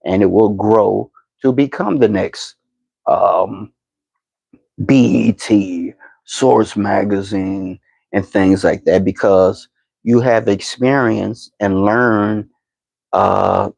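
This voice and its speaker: A man in his fifties, a podcast host giving slow, deliberate motivational advice, with frequent fillers and repeated words. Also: on the low side, fairly even intonation, gravelly, darkish tone, no echo, low-quality recording. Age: 50s. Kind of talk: motivational talk to camera.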